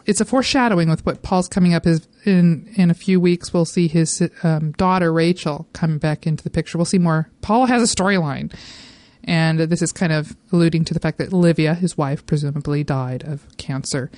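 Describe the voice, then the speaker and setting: A woman's voice: on the low side, moderate pace, darkish tone, no room sound. Casting note: woman podcast co-host, chatty recapper, dry close mic. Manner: chatty, explains plots at length. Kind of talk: casual TV recap chat.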